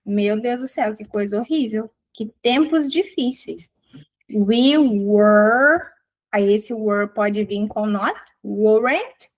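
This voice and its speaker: A woman gives a casual English lesson in a fairly high voice. She talks at an unhurried pace and is playful and theatrical, laughing often. She reads each English example slowly and carefully. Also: poor audio. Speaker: English teacher.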